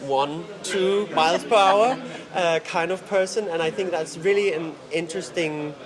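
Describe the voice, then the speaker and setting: A man's voice: high-pitched, normal speed. Hesitant man, crowd behind. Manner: searching for words, hesitant. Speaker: actor. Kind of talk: interview at a film festival.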